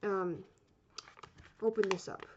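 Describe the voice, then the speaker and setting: A woman's voice: mid-range voice, takes it slowly, breathy edge. A woman giving a casual step-by-step craft tutorial as an instructor, chatty and rambling, often apologetic and correcting herself. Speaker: origami course instructor. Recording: dull lo-fi sound, steady noise.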